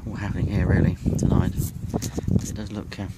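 By the water, a man recording his fishing trip rambles in an easygoing, very low voice, pausing often as he thinks aloud. His handheld camera, held from behind the lens, captures him up close, yet heavy background noise joins the clear nature and outdoor sounds.

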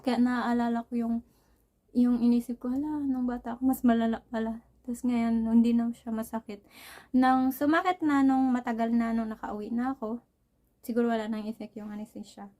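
A woman's voice: a little high, steady tone, brisk, mellow. A young woman from the Philippines, telling a casual, rambling personal story and laughing often. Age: young adult. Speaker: vlogger.

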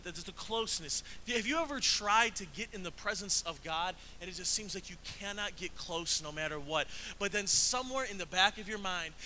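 A male pastor preaching a sermon in a lively, conversational way, with casual slang and acted-out quoted voices. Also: a little hiss or hum, low-quality recording. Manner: acts out quoted voices with big pitch jumps.

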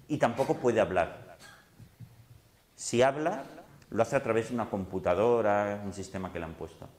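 A man with a Spanish accent from Spain, a psychologist giving a lively talk, who often acts out the lines of his patients and of himself in dialogue. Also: mid-range voice, roomy sound. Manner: conversational, animated, voices patients and himself in dialogue. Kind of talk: lively public talk with acted quotes.

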